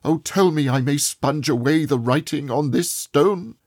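A man's voice: fairly low pitch, animated, measured pace, darkish tone, no echo, clean studio sound, voice pushed up. A man voicing a terrified old miser who pleads with a spirit in rising, anguished cries. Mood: anguished pleading.

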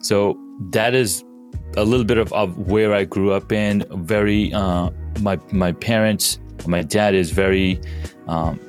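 A man's voice: lowish voice, fairly even intonation, unhurried, soft background music. A man from Pakistan, a podcast guest, talking casually with many fillers and restarts. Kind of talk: casual interview talk.

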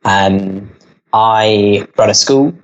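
A man's voice: fairly low pitch, drawn-out words, muffled recording. A man who runs a school, answering interview questions in an earnest, explanatory way with occasional fillers and restarts. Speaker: school leader.

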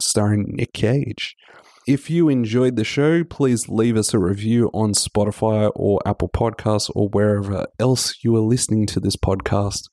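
A man's voice: on the low side, warm tone, no echo, studio quality. A man with a sick voice, hosting a podcast and chatting casually through a film review. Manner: chatty, loose, self-correcting.

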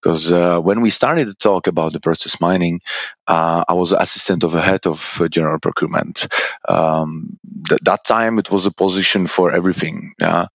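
Casting: very low, dry-voiced man, hesitant interview guest. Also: steady tone, vocal fry, dry recording. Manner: halting, many fillers and restarts. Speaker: guest, procurement department lead. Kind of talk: interview answers.

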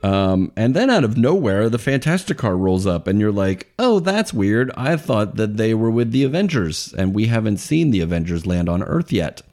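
A man's voice: fairly low pitch, sing-song, moderate pace, hardly any pauses, darkish tone. A man in his forties co-hosting a podcast in casual chat, joking and laughing often. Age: 40s. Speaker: podcast co-host.

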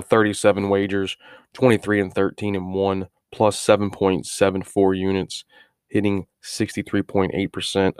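A man with a fairly low, clean voice gives an informal solo recap as a podcast host. He often repeats words and restarts his phrases, pausing on filler words. The sound is close and dry. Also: clean tone, dry recording. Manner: halting, frequent filler words. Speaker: sports betting podcast host.

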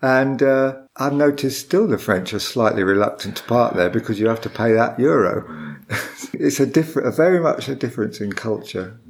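A man's voice: mid-range voice, normal speed. An Englishman living abroad, chatting casually at home as a podcast guest, rambling with hesitations. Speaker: guest, expat living in France. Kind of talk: casual chat.

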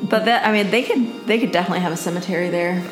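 A woman with a slightly low voice chats casually as a podcast co-host. She reacts fast and laughs often. The room sounds echoey, and music plays clearly behind her. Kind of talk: casual chat.

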